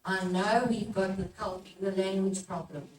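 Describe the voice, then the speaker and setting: In a steady tone and at a measured pace, a woman with a mid-range voice gives a workshop talk to a live audience, urging them on and putting questions to them as a religious formator. The room echoes, the mic is far off, and background noise is present.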